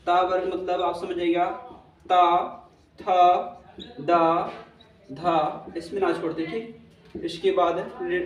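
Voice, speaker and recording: A man with a high voice teaches a lesson and keeps repeating points while checking in with his class. He sounds set back from the mic in an echoey room with a faint hum behind him. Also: far from the mic. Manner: repetitive, checks in with listeners often.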